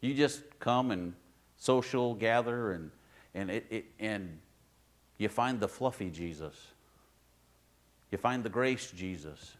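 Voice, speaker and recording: Guy preaching in a church, chatty style, gets loud then drops way down soft. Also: on the low side, slow, long pauses. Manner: conversational preaching, swings between loud emphasis and quiet asides. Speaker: pastor. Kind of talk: sermon.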